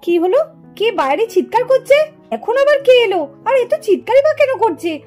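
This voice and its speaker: A woman doing a calm, patient young mother. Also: very high voice, a little fast, soft background music. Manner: soothing, puzzled questioning. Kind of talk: doll puppet show voicing.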